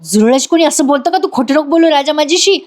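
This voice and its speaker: A bossy, suspicious man of the household in a village serial, voiced a little higher than the reader's own, as a woman puts him on. He scolds and questions sharply. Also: animated, fast. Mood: scolding.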